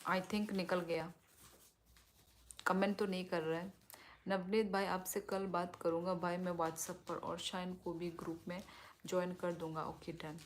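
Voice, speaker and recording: A woman hosting a casual live stream, chatting with viewers and answering comments in a relaxed, easygoing way, mixing in English words. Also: fairly low pitch, unhurried, a little hiss or hum. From Northeast India.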